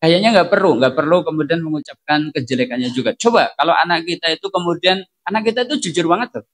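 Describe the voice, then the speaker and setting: A man leads a religious study group and answers the audience's questions. His voice sits a little high for a man. He talks in a relaxed, conversational way, slips in regional words and keeps tossing rhetorical questions back at his listeners. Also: fast. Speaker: preacher.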